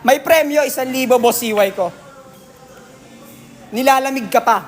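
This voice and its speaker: A man's voice: very high voice, moderate pace, faint music behind. A man with a Filipino accent hosting a casual livestream, reading out viewer comments in a jokey, teasing way and laughing often. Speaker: livestream host at a billiards hall.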